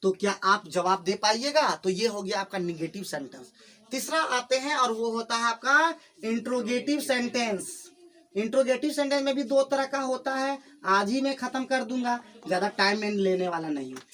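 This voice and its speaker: With a very high, sharp-toned voice, a male teacher patiently gives a slow spoken English lesson in Hindi to his classroom. He explains repetitively and speaks warmly to his students. The clip was filmed on camera without a microphone.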